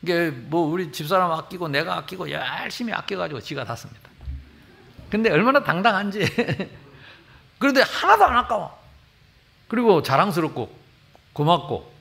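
A man's voice: high voice, very animated, normal speed, creaky, long pauses, a bit bright. A middle-aged man, a pastor preaching a sermon in colloquial, emphatic storytelling. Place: church sanctuary.

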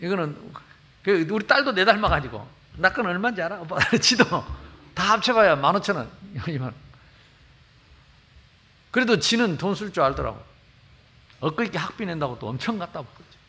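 A man's voice: high-pitched, big pitch swings, normal speed, pauses often, pushed and bright. A middle-aged man, a pastor preaching a sermon in colloquial, emphatic storytelling. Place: church sanctuary.

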